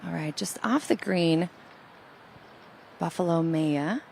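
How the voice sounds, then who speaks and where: A woman's voice: on the low side, takes it slowly, creaky, a little mellow, a little hiss or hum. A woman giving live golf commentary, explaining play directly to the viewers.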